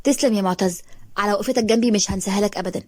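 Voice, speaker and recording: A woman voicing a wronged young woman who grieves and speaks bitterly in Egyptian Arabic, her voice rising high in anguish. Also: very fast, a little mellow, dry recording, studio quality, close to an everyday voice. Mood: resigned.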